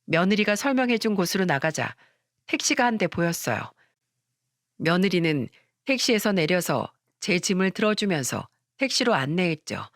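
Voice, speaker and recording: A woman calmly narrating a scripted first-person story. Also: lowish voice, moderate pace, dry recording, clean studio sound.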